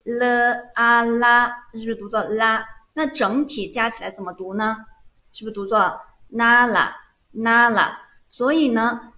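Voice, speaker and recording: A woman's voice: a little high, fairly bright tone, muffled recording. A woman teaching Korean in an online lesson, patiently asking questions and answering them herself. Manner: patient, asks and answers her own questions.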